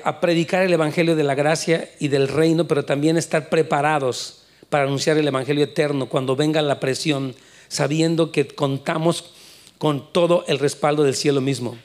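Man preaching a sermon, bit high-pitched, gets fired up and loud. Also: fairly even intonation, normal speed. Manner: fervent preaching, rising high and loud when urging. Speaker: pastor.

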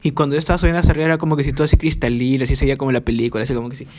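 A man's voice: medium pitch, level tone, very fast, a little mellow. A man rambling through childhood stories on his podcast, swearing freely, mocking himself and piling up fillers. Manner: crude swearing, chatty, self-mocking, many fillers. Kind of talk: rambling storytelling monologue. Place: home, recording alone.

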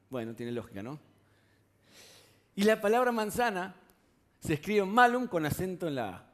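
Higher-voiced Rioplatense preacher. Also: male voice. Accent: Rioplatense Spanish. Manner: conversational, asks the congregation rhetorical questions. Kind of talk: sermon.

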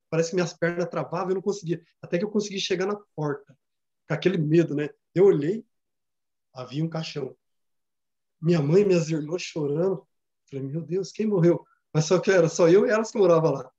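A man's voice: on the high side, a little fast, dark tone. A man earnestly telling a personal story in casual conversation, full of fillers and repeats. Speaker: study group member. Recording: dull lo-fi sound.

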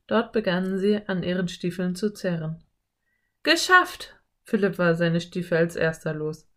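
A woman reading a children's story as narrator in an even storytelling manner. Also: fairly low pitch, moderate pace. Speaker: audiobook narrator. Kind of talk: scripted narration.

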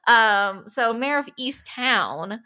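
A woman co-hosting a podcast, recapping a show in relaxed casual chat, often pausing on "um". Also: on the high side. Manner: relaxed recap with many ums and filler words. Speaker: podcast co-host.

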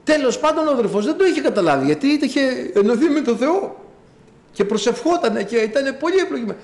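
A man preaching a sermon, telling stories and addressing the congregation directly in an animated way. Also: very high-pitched. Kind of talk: sermon with storytelling.

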